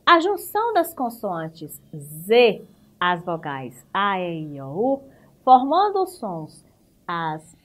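A woman's voice: on the low side, huge pitch swings, slow pace, fairly bright tone. A woman with a Brazilian Portuguese accent, teaching a remote school lesson, explaining step by step, asking the class questions and praising answers.

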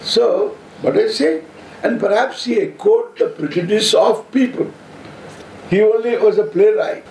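An elderly South Indian man in his seventies, a swami, speaks slowly in a high voice that is gravelly and somewhat dark in tone. Sitting on stage before an indoor audience, he gives an informal spiritual discourse in deliberate, halting phrases laced with playful humour. The close stand microphone captures roomy echo and audible background noise.

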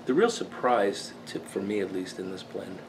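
An American man in his fifties giving a casual, rambling video review in a halting, unhurried way, recorded in a small workshop. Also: sits low. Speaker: pipe tobacco reviewer. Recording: clearly noisy room background.

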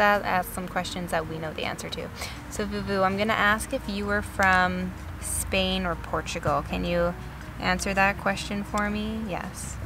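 A woman in casual conversation, asking questions calmly and patiently. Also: medium pitch. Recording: noisy background with passing traffic.

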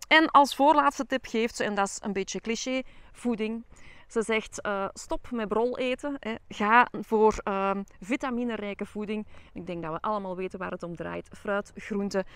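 A middle-aged woman with a Flemish accent giving an informal book talk to camera, conversational, with thoughtful pauses. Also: medium pitch, clear, resonant tone, no echo. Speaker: book reviewer. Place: outdoors in a leafy garden.

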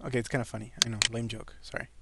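A man with a mid-pitched, slightly wheezy voice presents an online tutorial in a casual way. He breathes a little hard and talks through each click informally as he goes. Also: flat delivery, very fast, gravelly, heavy background noise. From California, where he lives. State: breathing a little hard after an asthma attack.

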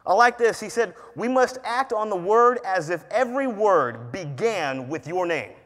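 A young man preaching a sermon to a congregation in an animated way, rising to shouts for emphasis. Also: sits high, normal speed. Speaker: student preacher. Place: large church sanctuary. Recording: reverberant church hall.

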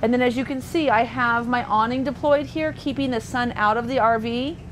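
A woman's voice: on the high side, fairly even intonation, moderate pace, fairly bright tone. A woman, an RV sales associate, giving a thorough walkthrough tour inside a parked motorhome, talking chattily with fillers and self-corrections. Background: faint hum of air conditioning.

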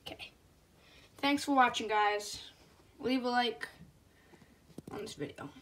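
A young woman chatting casually off camera while filming her ant colony, excitable and sometimes dropping to a whisper. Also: fairly high pitch, slow pace, slight background noise. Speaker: ant-keeping vlogger. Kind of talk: casual off-camera vlog narration.

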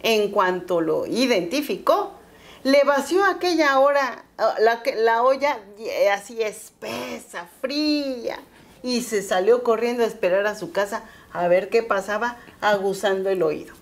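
Expressive woman telling a folktale. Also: a little high, a little slow. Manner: lively, expressive storytelling. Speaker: storyteller guest. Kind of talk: oral folktale narration.

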